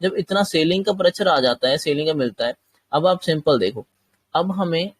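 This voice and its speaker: Husky-voiced man teaching trading. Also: fairly high pitch, animated, moderate pace, no echo. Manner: explanatory, often checks understanding. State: slightly sore throat. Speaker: trading instructor. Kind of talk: chart-based lesson.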